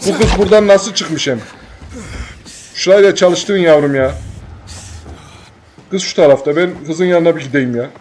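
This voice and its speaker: Rowdy high-voiced young man gaming. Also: normal speed, pauses often, slight background noise. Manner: rowdy, swearing, yelling at the game. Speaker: gaming channel host. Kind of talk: let's play commentary.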